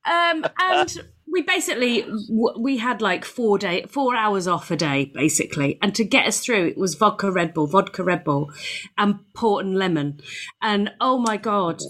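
A woman's voice: mid-range voice, expressive, moderate pace, a bit bright. A woman co-hosting a podcast, talking in casual chat with cheeky, self-mocking banter.

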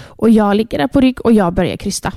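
A woman in her thirties, a podcast co-host, telling a story in a lively, animated way and acting out her own shouts. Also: mid-range voice, vocal fry, dry recording, clean studio sound. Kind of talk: casual chat.

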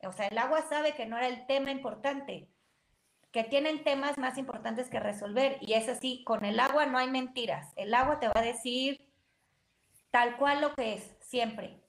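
A woman's voice: sits high, moderate pace. A woman, a guest practitioner explaining her work in casual conversation. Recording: echoey room.

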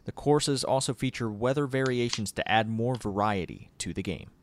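A man's voice: mid-range voice, animated, normal speed, slight background noise. A man hosting a casual gaming podcast, leading segments with a teasing, chatty manner. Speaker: podcast host.

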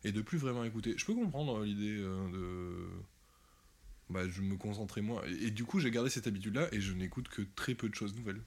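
A young man in his twenties chats loosely as a podcast host, with a southwestern French accent. His voice sits a little low and he rambles through plenty of fillers and restarts. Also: a little fast, a little mellow. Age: 20s. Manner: chatty, rambling with many fillers and laughs. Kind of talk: casual chat.

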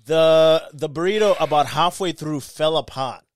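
A man with a slightly higher voice tells stories in loose, swearing banter with friends and laughs often. The sound is dry and close. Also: normal speed, dry recording. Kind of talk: casual chat.

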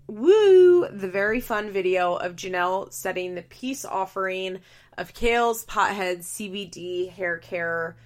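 A woman with a Valley Girl accent and vocal fry, hosting a casual podcast recap, full of "like" fillers and amused swearing. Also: medium pitch. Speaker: podcast host. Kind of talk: casual reality-TV recap monologue.

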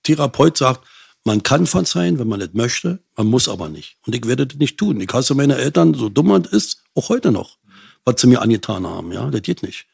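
Gravelly older man, blunt storyteller. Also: medium pitch, big pitch swings, moderate pace, darkish tone. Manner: blunt, swears, relives angry outbursts. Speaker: guest. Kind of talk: telling his life story.

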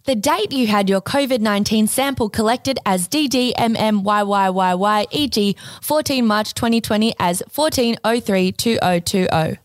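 A woman putting on a flat robot voice to play an automated health text-message service in a comic sketch. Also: medium pitch, moderate pace, few pauses, dry recording, clean studio sound, close to an everyday voice. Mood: deadpan. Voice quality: flat, monotone robot voice reading stock messages. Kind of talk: comic sketch read aloud.

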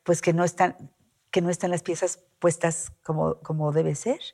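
A woman's voice: lowish voice, level tone, normal speed, vocal fry. Woman guest chatting, lots of "o sea" and restarts, telling her story. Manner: warm storytelling, many fillers and restarts. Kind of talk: casual chat.

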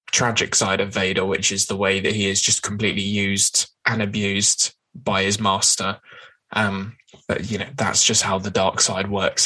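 A man's voice: lowish voice, bright, forceful tone, poor audio. A man co-hosting a podcast, chatting casually about comics with frequent fillers. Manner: chatty, with many fillers and hedges. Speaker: podcast co-host.

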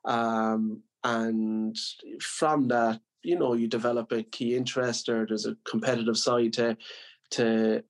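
A man's voice: mid-range voice, steady tone, unhurried. A man from Limerick with a west of Ireland accent, answering as a podcast guest in an earnest, modest, conversational way. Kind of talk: casual interview reminiscence.

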